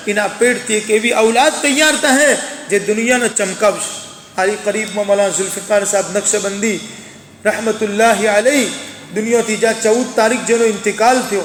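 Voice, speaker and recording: A man's voice: extremely high pitch, a bit bright, slight background noise. A man preaching a sermon to women, earnest and exhorting, repeating phrases for emphasis. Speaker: religious preacher addressing women. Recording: echoey hall with long reverb.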